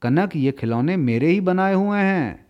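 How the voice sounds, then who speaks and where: A man voicing a poor, gentle old toymaker who speaks quietly and sadly in a storybook reading. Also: high-pitched, lively intonation, highs cut off. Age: older. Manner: quiet, soft and slow.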